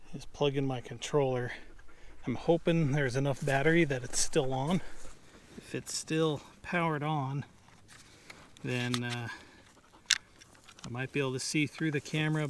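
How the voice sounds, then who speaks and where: An outdoor adventure vlogger narrates his hike through a desert canyon in a casual vlog, musing aloud with easy fillers and sometimes out of breath. His mid-range voice is steady and moderately paced with long pauses. It's recorded outdoors on a camera mic, with slight background noise.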